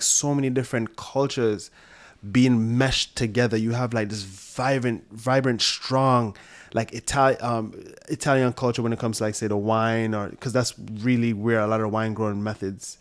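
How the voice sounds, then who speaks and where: Casting: New man, interview guest, loose and profane storyteller with restarts. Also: medium pitch. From Brooklyn, New York and Jamaica. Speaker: podcast guest, sommelier. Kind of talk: casual interview chat.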